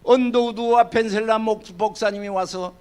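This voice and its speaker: A man in his seventies with a Jeolla accent, a pastor preaching a sermon, swinging between loud declaiming and hushed folksy asides. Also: high voice, steady tone, moderate pace, smooth. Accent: Jeolla Korean. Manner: folksy, colloquial storytelling.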